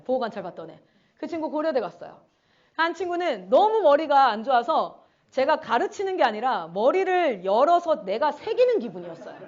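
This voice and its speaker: 생동감 있게 간증하는 여성 선교사, 높은 목소리. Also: female voice, sits high, dull audio. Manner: animated storytelling, acts out students' voices. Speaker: missionary speaker. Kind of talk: conference sermon testimony.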